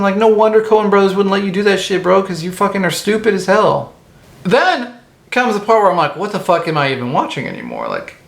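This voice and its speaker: A man giving an angry, profane comedic movie review. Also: on the high side. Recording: roomy echo.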